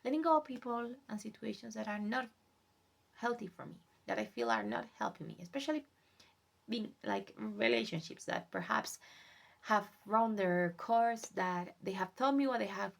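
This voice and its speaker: A young woman whose first language is Spanish, talking in a soft, gentle, reflective way in a casual self-care vlog, sometimes dropping to a whisper. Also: medium pitch, sing-song, moderate pace, gravelly. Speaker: vlogger.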